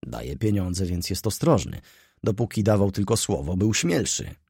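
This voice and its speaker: A reserved, offhand merchant, as a male reader gives him voice, speaking in a deep, husky tone. His answers are short and cool. The recording is dry and close. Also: very animated, normal speed, a little mellow, no echo, exaggerated voice. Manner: curt, offhand. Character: reserved, curt middle-aged male merchant.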